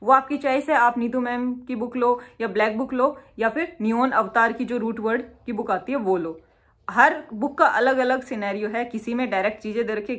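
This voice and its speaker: Young woman, casual chatty exam tutor, a bit high-pitched, jokes at her own expense. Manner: chatty, self-mocking, with homely memory tricks. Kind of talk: casual tips to the camera.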